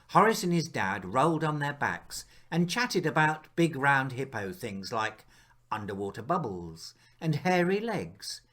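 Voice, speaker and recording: The speaker is a man reading aloud from the picture book he wrote, unhurried and slow. Lively pitch changes, dramatic pauses, and hushed moments give his children's story a storyteller's feel.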